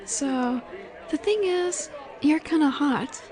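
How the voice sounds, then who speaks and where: A woman plays a confident, flirtatious werewolf alpha in a roleplay audio drama, coy and teasing, her seductive delivery slow and assured. Her voice is high-pitched, expressive and a little mellow. Bar ambience with crowd murmur and chatter fills the background.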